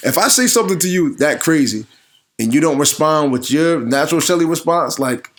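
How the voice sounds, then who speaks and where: A man's voice: fairly high pitch, expressive, brisk. A man co-hosting a podcast, defending himself in a casual argument with his partner, often restarting sentences and laughing as he explains. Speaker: podcast co-host.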